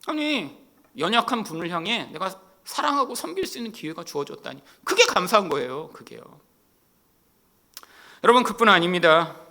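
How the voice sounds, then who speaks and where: Lively, gravelly Korean pastor preaching. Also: male voice, high voice, moderate pace. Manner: candid, confessional storytelling with rhetorical questions to the congregation; swings between loud emphasis and near-whispered asides. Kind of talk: sermon.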